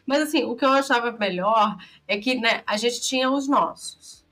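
A woman's voice: a little high, normal speed. A woman with a Brazilian Portuguese accent, a podcast guest telling workplace stories in casual chat with frequent laughter. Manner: animated storytelling with frequent laughter.

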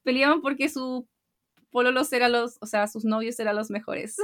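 A young Chilean woman chatting casually as a podcast co-host, retelling scenes with lively acted-out quotes. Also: on the high side, moderate pace. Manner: animated storytelling, acting out quotes. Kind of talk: casual chat.

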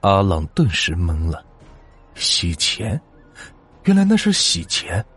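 A man's voice: sits low, wildly swooping pitch, slow pace, a bit bright, husky, soft background music. A man narrating a ghost story in a dramatic, suspenseful way.

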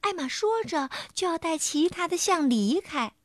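A woman storyteller reading a children's story aloud, expressive and slow. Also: very high voice, no echo, studio quality.

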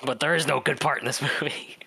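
A man's voice: mid-range voice, fairly even intonation, brisk, creaky, pushed and bright, husky, no room sound. A man co-hosting a podcast, joking offhandedly about a movie and swearing casually. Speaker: podcast co-host. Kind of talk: casual movie review chat.

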